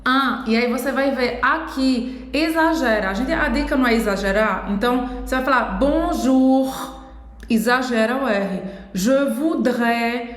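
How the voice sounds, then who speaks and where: A woman's voice: on the high side, moderate pace. Patient woman teaching pronunciation, echoey. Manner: patient, explains step by step. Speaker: French teacher. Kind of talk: pronunciation lesson. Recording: echoey room.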